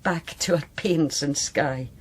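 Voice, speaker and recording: A Scottish actress plays a brittle, anguished sister in a naturalistic radio drama, speaking haltingly with agitation and bitterness. Her voice sits low, and there's a little hiss or hum in the recording.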